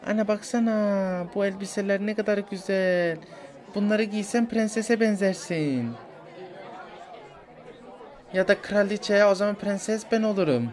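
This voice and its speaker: An eager little girl with a bright, high voice, wheedling and childlike, as a man puts her on. She begs and chatters the way small children do in a toy-figure story. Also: a little slow, long pauses, a faint crowd. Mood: pleading. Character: excited little girl pleading with her mother. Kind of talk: toy figure play-acting.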